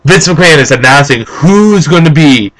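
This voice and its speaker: A young man vlogging, ranting and telling stories in an animated, opinionated way. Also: fairly high pitch, moderate pace, poor audio. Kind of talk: casual opinion rant.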